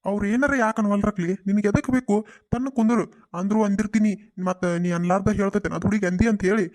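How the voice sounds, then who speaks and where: Cartoon grandpa: gruff, grumbling old father-in-law, brisk, played by the channel's lone voice. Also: medium pitch, fairly even intonation, a little mellow, pitched below the performer's own voice, natural voice. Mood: scolding. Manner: scolding, gruff.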